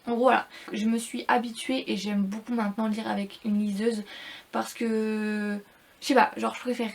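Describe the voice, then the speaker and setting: A woman's voice: fairly high pitch, little pitch movement, normal speed, creaky. A young woman, reviewing a book in a casual, rambling vlog full of repeats and fillers.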